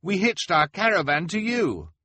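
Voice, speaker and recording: Storybook boy, anxious and pleading, bright tone, dry close sound; a man plays him. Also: high-pitched, big pitch swings, normal speed, no room sound, voice pushed up, heavily acted. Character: anxious young boy, a worried brother. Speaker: audiobook reader. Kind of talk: audiobook character voice.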